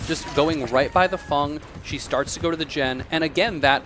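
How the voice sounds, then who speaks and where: A man giving excited, analytical live commentary on a video game match as an esports caster. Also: fairly high pitch, normal speed, slight background noise.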